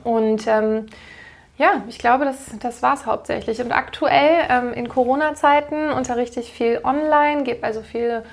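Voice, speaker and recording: Chatty German woman, bright higher voice. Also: steady tone, moderate pace, creaky. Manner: friendly, rambling, many fillers. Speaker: interview guest, yoga teacher. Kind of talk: podcast interview.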